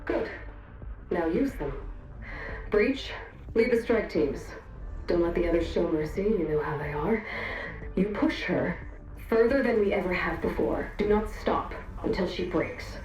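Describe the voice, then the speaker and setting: Casting: ruthless game commander, low-pitched, curt and menacing, in an echoey space. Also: female voice, animated, measured pace, long pauses, a little mellow. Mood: cold command. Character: ruthless woman commander, cold, exacting, menacing. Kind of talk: scripted video game drama. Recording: echoey room, music behind.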